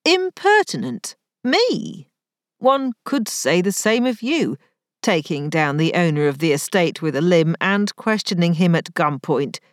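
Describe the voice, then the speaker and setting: Play a wry young viscount, voiced by a woman narrator, formal and teasing in an old-fashioned storybook way. Let the lines swing widely in pitch, and keep the sound close and dry. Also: animated, normal speed, no room sound, lightly acted. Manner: formal period speech, rising to a strained high pitch.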